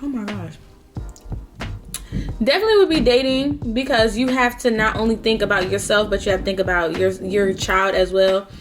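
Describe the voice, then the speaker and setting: A woman's voice: mid-range voice, normal speed, over music. Young woman with braces, chatting while eating. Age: young adult. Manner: talks with braces, smacking as they chew. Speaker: mukbang vlogger. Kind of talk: casual chat to camera giving advice while eating.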